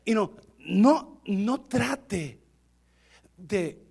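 A man preaches with a notably high voice. He is animated and joking, often turning to the congregation directly. His delivery mixes storytelling and emphatic exhortation. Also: extremely slow, gravelly, husky. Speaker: pastor. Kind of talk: sermon.

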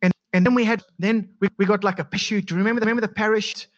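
South African male pastor, high-pitched, stumbling repetitions in his preaching, muffled recording. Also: steady tone. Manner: halting, repeats words often. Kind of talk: sermon. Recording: dull lo-fi sound.

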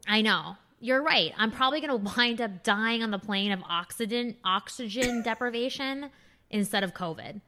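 Young female podcast co-host, candid and chatty, bright clear voice. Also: on the high side, normal speed. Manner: candid, frank, laughs often, many fillers. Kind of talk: casual podcast chat.

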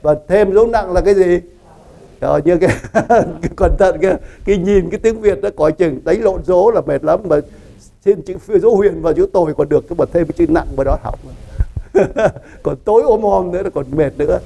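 A man preaching a sermon, teaching lively, asking the congregation questions and making joking asides with frequent laughter. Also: high-pitched, brisk, vocal fry, poor audio. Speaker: pastor.

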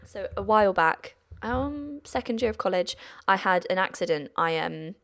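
A woman's voice: mid-range voice, normal speed. A young woman from the United Kingdom, a podcast guest, talking casually and emotionally, often acting out what family members said. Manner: chatty, emotional, quotes family in lively voices. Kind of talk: casual chat.

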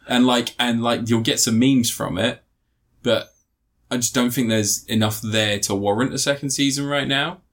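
A man retelling a film in casual chat, rambling, swearing and jumping into high put-on voices for the characters. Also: fairly even intonation, normal speed, fairly bright tone. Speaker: podcast co-host.

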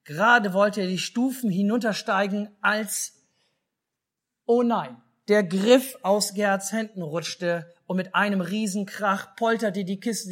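Lively German storyteller man. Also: high-pitched. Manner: lively storytelling, asks children questions. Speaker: pastor. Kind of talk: children's story in a church service.

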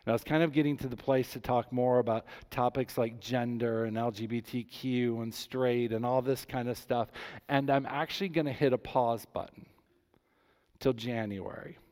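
An animated male pastor preaching a sermon in a mid-pitched voice. He swings from hushed, soft passages to loud, excited bursts. A long reverb hangs on his voice, as in a church hall. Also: normal speed.

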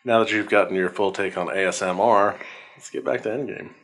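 Male co-host, lowish pitch, wry casual movie-review chat. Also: steady tone, fairly quick, fairly bright tone. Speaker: podcast co-host.

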